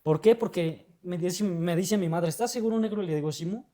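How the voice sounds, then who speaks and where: High-voiced Mexican man telling his story. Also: moderate pace, mellow. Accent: Mexican Spanish. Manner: emotional, slangy, fills every phrase with a tag word. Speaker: guest. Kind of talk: casual personal storytelling.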